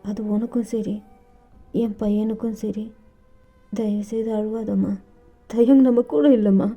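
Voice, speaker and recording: A woman voicing a soft, soothing grieving mother. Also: medium pitch, steady tone, unhurried. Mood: consoling. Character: gentle grieving mother, calm and consoling. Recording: dull lo-fi recording with faint music.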